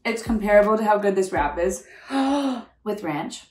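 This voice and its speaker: A woman's voice: mid-range voice, animated, a little slow. A woman telling stories to a friend in an enthusiastic, casual way, with lots of "like". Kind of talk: casual chat.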